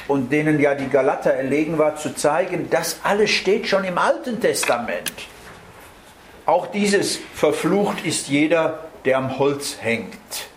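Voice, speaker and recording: In a roomy hall with faint ambience, a preacher delivers a German Bible teaching sermon, explaining verse by verse and checking in with listeners through tag questions like "nicht?". His voice is a little high, with slight background noise.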